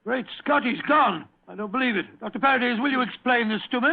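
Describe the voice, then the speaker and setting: An actor playing a genial, easily amazed middle-aged British gentleman doctor in a blustering, stammering old radio style. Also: extremely high pitch, quick pace, vocal fry, breathy edge, exaggerated voice. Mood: astonished. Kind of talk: old-time radio acting. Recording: tinny, band-limited old radio recording.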